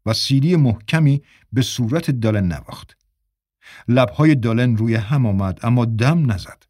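Brief: male audiobook narrator, measured and even, dry close sound. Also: medium pitch, no room sound.

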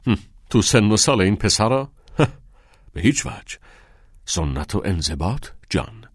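A man's voice: on the low side, sing-song, no room sound, studio quality. A man voicing an older male headmaster who speaks firmly and condescendingly. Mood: stern. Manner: firm, condescending.

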